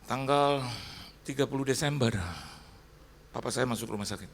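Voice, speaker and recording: Gravelly animated preacher with a lilt. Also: male voice, mid-range voice, normal speed, a little hiss or hum. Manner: animated storyteller who acts out dialogue. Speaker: pastor. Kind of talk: Easter sermon with personal storytelling. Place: church service.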